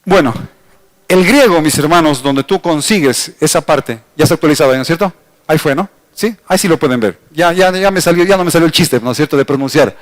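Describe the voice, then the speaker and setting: In a church hall, a middle-aged Ecuadorian pastor with a bright, high-pitched voice gives a teaching sermon in Ecuadorian-accented Spanish. His intonation is lively, he speaks directly to the congregation, and he slows right down whenever he spells out a word.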